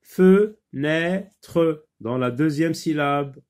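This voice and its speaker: Man, phonics teacher, very slow, patient, many pauses. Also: mid-range voice, darkish tone. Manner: switches between French and Arabic explanations. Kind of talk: phonics lesson.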